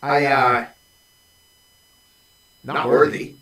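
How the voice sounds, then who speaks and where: A man's voice: medium pitch, level tone, very slow, creaky, sharp tone, echoey room. A man in his forties speaking bluntly and earnestly in casual conversation. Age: 40s. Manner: earnest, blunt confessional talk. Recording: voice from a distance off mic.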